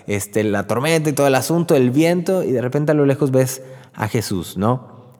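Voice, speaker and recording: A man with a Mexican accent at an ordinary middle pitch gives a relaxed, chatty Bible reflection. He tells the story with lively asides and frequent fillers. His voice carries a long reverb tail, as if recorded in a large hall.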